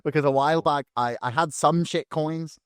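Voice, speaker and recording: A man's voice: fairly high pitch, moderate pace, smooth, no room sound, clean studio sound. A man hosting a podcast, talking in an earnest, reflective way in casual conversation. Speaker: podcast host.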